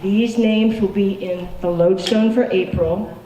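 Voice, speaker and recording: A woman's voice: medium pitch, steady tone, measured pace, dark tone, distant mic, highs cut off. A woman hosting a club meeting, chatty and upbeat, with frequent ums as she thanks people and makes announcements. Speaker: branch meeting host. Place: meeting hall with audience. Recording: echoey hall, recorded from afar, audience noise.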